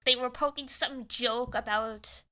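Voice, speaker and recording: A woman's voice: a little high, fairly even intonation, unhurried, bright, forceful tone. A Canadian woman with a cute anime-girl voice, chatting casually and animatedly as she streams a video game. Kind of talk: casual livestream chat over a video game.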